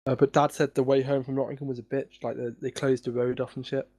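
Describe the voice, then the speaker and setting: A man's voice: mid-range voice, little pitch movement, fast, darkish tone, dry recording. A young man from England co-hosting a casual podcast chat, talking while he eats in a laid-back way. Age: young adult. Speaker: podcast co-host. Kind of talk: casual chat over a call.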